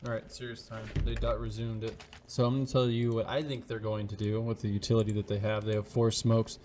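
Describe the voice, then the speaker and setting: A man's voice: lowish voice, flat delivery, brisk, dark tone, slight background noise. A man giving chatty color commentary on an esports match, laughing and making confident predictions. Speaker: esports analyst caster.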